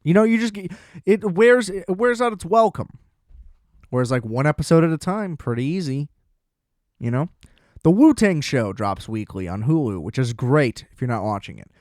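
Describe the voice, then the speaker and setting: A man hosting a solo podcast, chatting casually about TV in an excitable, profane, rambling way. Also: a little high, normal speed, dry recording, clean studio sound. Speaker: podcast host.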